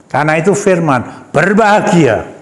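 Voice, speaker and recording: Preacher man with a high, ringing voice. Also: lively intonation, normal speed, echoey room. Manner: addresses the congregation as "Saudara" and asks rhetorical questions; reads verses aloud, then comments in an emphatic, conversational way. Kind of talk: sermon with scripture reading. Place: church hall.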